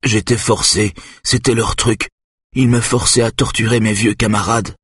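A man reading aloud, voicing a shaken, guilt-ridden male patient who talks haltingly. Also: fairly low pitch, steady tone, fairly bright tone, breathy edge, no room sound, clean studio sound, voice pushed up. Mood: anguished.

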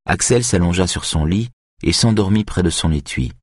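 A man narrating a novel in a measured, somber way. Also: low voice, expressive, husky, dry recording, clean studio sound. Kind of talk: audiobook narration.

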